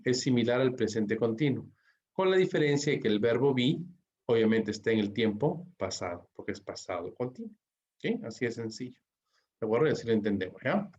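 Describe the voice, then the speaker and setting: A male teacher giving a bilingual grammar lesson at an average pitch. He reads each rule in English, explains it in Spanish, and checks in with "¿ok?" again and again. The audio sounds dull and lo-fi. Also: darkish tone.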